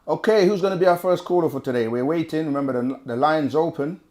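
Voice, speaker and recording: Fast-talking, with a fairly high and slightly mellow voice, this man hosts a live question-and-answer stream. He reads chat questions aloud and answers them at length in a casual, conversational manner, repeating himself as he goes.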